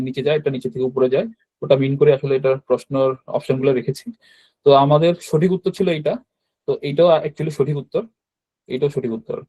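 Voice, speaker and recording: A man teaching a language class over a video call, explaining quiz answers with frequent fillers and quick self-corrections. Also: medium pitch, warm tone, dull audio. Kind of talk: online class lesson.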